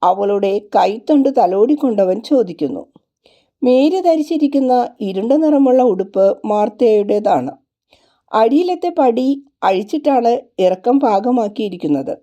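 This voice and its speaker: Mellow woman narrating a devotional book. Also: fairly high pitch, expressive, a little slow. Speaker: audiobook narrator. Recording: dull lo-fi recording.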